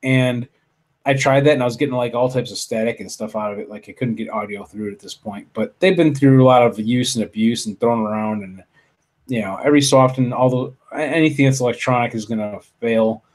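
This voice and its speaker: A man's voice: mid-range voice, fairly quick, a little mellow. A man hosting a casual live stream from a home office, talking into a desktop studio mic, rambling with lots of fillers, restarts and mild swearing. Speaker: livestream show host. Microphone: desktop USB studio mic.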